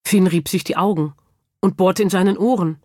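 A woman narrating a children's audiobook with lively, expressive storytelling. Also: fairly low pitch, moderate pace, no echo, clean studio sound.

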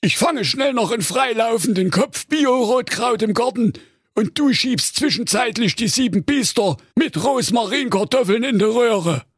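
Man as greedy ogre husband, blustering, bossy, strained and high, husky. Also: expressive, moderate pace, no echo, clean studio sound, heavily acted. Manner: bossy, blustering, shouting orders. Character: big greedy male ogre, gruff and pompous.

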